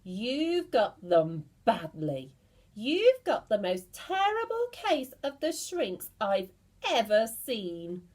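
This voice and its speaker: A woman's voice: a little high, big pitch swings, slow, darkish tone, exaggerated voice. A woman voicing a cruel old man who plays a trick on his wife, speaking with solemn, gloating emphasis. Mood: gloating menace.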